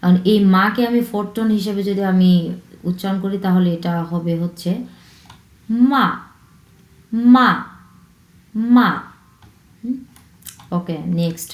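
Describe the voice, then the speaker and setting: A woman teacher guides her students through pronunciation, saying every sound three times in a row. She drops English words into her explanations now and then. Her voice sounds roomy, with a clear echo around it. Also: lowish voice, fairly even intonation, darkish tone. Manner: slow, repeats each sound three times. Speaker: Chinese language teacher. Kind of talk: online language lesson.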